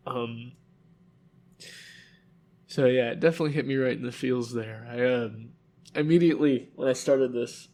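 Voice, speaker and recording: A man crying and choked up as he makes a halting, emotional, confessional rant, blubbering as he talks. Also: mid-range voice, mellow. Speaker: YouTuber on a rant channel. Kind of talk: personal rant to camera, confessional.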